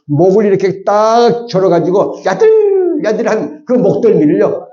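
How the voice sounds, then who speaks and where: A middle-aged pastor tells a lively sermon story and acts out the people in it. His voice sits a little high but sounds mellow. It rings through an echoey church on a somewhat dull recording. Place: church sanctuary.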